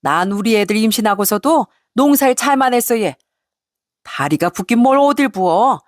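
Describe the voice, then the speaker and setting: A possessive mother-in-law with a scornful, nagging tongue, as a woman storyteller puts her on. The voice swings widely in pitch and sits close and dry. Each line lands as a reproach. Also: expressive, normal speed, dry recording, close to an everyday voice. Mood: scolding.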